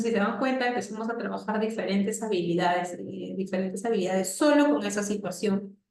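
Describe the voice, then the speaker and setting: A woman teaches in a professional training lecture, and her voice rings in a roomy space. She explains step by step, tags her points with quick questions and acts out examples with bright, exaggerated phrasing. Her pitch sits at an ordinary middle. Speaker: speech therapy lecturer. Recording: roomy echo.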